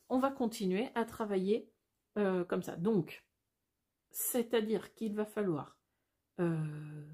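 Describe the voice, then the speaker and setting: Woman, knitting tutorial host, warm dark tone, slightly husky, chatty, self-correcting. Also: mid-range voice. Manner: chatty, thinks aloud, self-correcting, many fillers. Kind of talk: casual step-by-step knitting tutorial.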